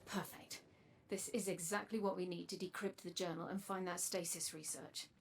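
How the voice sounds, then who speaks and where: An actress playing a mysterious, secretive machine-bodied woman who speaks calmly and earnestly with a husky voice. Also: fairly low pitch, a little hiss or hum. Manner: calm, measured, earnest.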